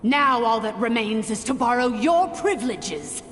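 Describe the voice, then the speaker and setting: A woman's voice: fairly high pitch, lively intonation, a little slow, fairly bright tone. A woman playing an arrogant, cruel dragon lord in a video game, speaking in a grandiose, contemptuous way. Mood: cold. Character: arrogant, cruel female almighty dragon lord, scornful villain. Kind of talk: theatrical video game villain acting. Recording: long echoing reverb, background noise.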